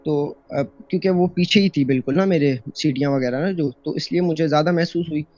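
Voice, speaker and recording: A man's voice: on the high side, brisk, a little mellow. Rambling man on a dull lo-fi voice note. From Pakistan. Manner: rambling, full of fillers and restarts. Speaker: storyteller sharing a personal encounter. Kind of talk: casual spoken horror story. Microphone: phone voice note. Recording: dull lo-fi voice note, faint music.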